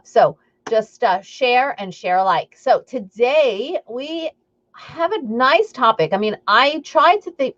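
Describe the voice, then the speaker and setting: A woman with a Long Island accent, from Long Island, New York, hosts a live stream as an eating coach. Her mid-range voice is a bit bright, the sound lo-fi, and she chats upbeat and rambling with lots of fillers and asides to viewers.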